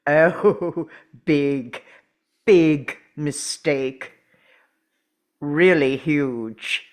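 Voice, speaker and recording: A woman's voice: low-pitched, voice pushed down. A woman playing a cocky, daring male alien doctor hero in an amateur script read, with dramatic, commanding delivery. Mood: taunting, defiant. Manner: dramatic, commanding, savoring pauses.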